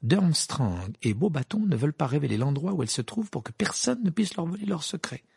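A man voicing a clever schoolgirl witch who explains things briskly and a bit disdainfully. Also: on the high side, big pitch swings, vocal fry, a little mellow, husky, dry recording, clean studio sound, voice pushed up, full character voice. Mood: lecturing. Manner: brisk, lecturing, a little disdainful.

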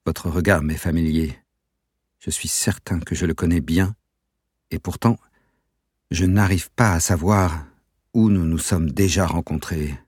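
Man doing a rattled security chief, uneasy, pleading, very deep husky voice, dry sound. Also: unhurried, long pauses, a little mellow, dry recording. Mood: puzzled. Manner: unsettled, pleading under threat.

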